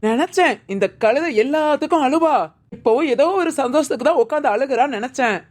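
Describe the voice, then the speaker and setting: A woman's voice: high-pitched, fast talker, a little mellow, natural voice. A woman playing a teasing older aunt who scolds and explains in a village family drama.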